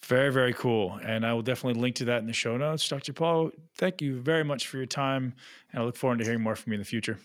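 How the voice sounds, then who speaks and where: Male interview host, average pitch, conversational, very dry recording. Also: quick pace, dry recording. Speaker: podcast host.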